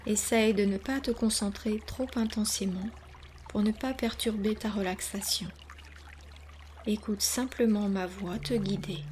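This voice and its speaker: Over a noisy background, a woman serving as a yoga nidra guide leads a relaxation in a mid-range voice, calm and soothing, with long pauses separating each instruction.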